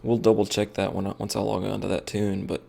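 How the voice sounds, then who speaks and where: Low gravelly tired male streamer. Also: flat delivery, fast talker, mellow. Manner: rambling, thinks aloud with fillers. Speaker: game streamer. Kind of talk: casual gameplay commentary.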